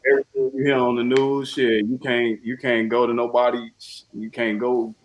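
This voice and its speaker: A man's voice: mid-range voice, little pitch movement, normal speed. A young man from Chicago's South Side with a Chicago accent, chatting casually and profanely as a podcast guest. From Chicago, USA. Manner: laid-back, profane, repeats himself. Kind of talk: casual chat.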